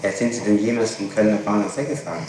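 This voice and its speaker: A public prosecutor questions someone in court, formal and methodical, pressing insistently for details. His voice is on the low side, steady and a little mellow, and he talks fast. The archival tape is noisy and very echoey, captured far off in a large echoing room with a distant mic.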